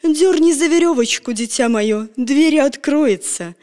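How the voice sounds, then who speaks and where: A woman's voice: sits high, expressive, measured pace, darkish tone, voice pushed up. A woman voicing a prim, well-mannered old grandmother in a children's story. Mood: kindly. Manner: prim and correcting. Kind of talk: storybook reading. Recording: long echoing reverb.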